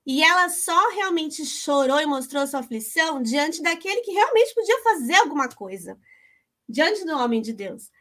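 A woman's voice: high-pitched, sing-song, normal speed, a bit bright. A woman talking casually about a Bible story and her own life, chatty and emotional, calling her listeners "gente". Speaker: co-host.

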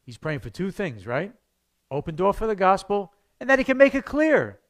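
A pastor leads a church class on sharing faith. His voice sits a little high for a man, and he talks in a loose, conversational way with sudden loud, animated bursts. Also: moderate pace.

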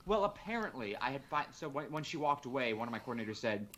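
A man's voice: medium pitch, quick pace, a little hiss or hum. Swearing storyteller man on a podcast. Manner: animated storyteller who swears freely and acts out quotes. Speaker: podcast co-host. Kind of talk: casual chat, telling a work story.

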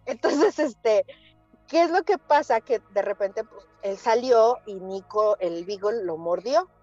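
A woman, a therapist guest chatting on a talk show and telling lively anecdotes that she acts out. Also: mid-range voice, unhurried, no room sound, lo-fi sound, faint music behind. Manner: animated storyteller, acts out quotes. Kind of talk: casual talk show chat.

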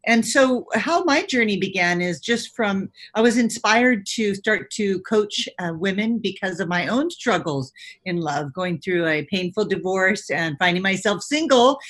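A woman's voice: medium pitch, animated, unhurried, fairly bright tone. Woman relationship coach in her fifties. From California. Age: 50s. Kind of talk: interview.

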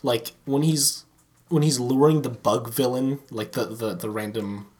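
A man's voice: medium pitch, measured pace. Tipsy young man ranting casually. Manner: animated, swearing, ranting with laughs. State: a bit tipsy. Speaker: podcast co-host. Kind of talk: casual chat.

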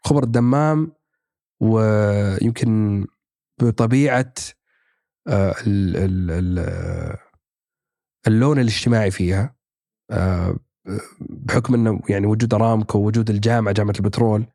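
A man's voice: lowish voice, lively intonation, normal speed, creaky, long pauses, dark tone, no echo, clean studio sound. A man, chatting casually as a podcast guest, thinking aloud with many fillers and restarts. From Saudi Arabia. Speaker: podcast guest, actor and writer. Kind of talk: casual chat.

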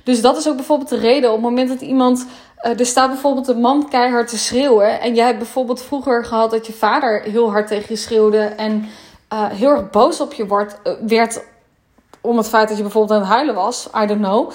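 A woman's voice: a little high, steady tone, a little fast, a little mellow. A woman coach talking casually in a monologue, frank and sometimes swearing, with English phrases dropped in.

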